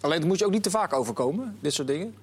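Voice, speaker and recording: A man presenting a football talk show, telling anecdotes in an animated way and putting questions to his guests. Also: on the high side, racing, husky. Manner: animated storyteller, lively anecdotes.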